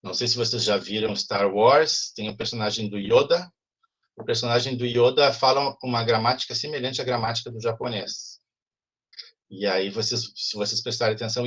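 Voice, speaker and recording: A man's voice: medium pitch, fairly bright tone, slightly rough, dull audio. A man teaching a Japanese class over a video call, explaining patiently and often checking in with students. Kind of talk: online class lecture.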